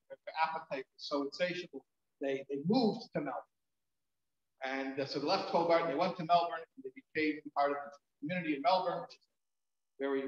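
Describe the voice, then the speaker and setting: A man, a rabbi, tells stories at a community event in a lively, chatty way, full of fillers and restarts. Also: on the high side. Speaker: rabbi, storyteller. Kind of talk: storytelling talk at a community event. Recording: very echoey, dull event hall sound.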